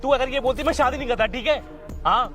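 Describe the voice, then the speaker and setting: A man's voice: very high voice, fast, music in the background. A young man playing an exasperated husband who pleads and blusters at his wife in a park. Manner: pleading yet blustering, says "abe" and "yaar" often. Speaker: husband in a staged couple-fight skit. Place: outdoors in a park.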